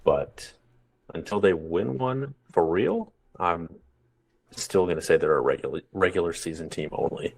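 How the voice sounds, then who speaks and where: Man, baseball podcast co-host, blunt easygoing takes, very low voice, dry sound. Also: measured pace, vocal fry, darkish tone, husky, dry recording. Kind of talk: casual sports podcast chat.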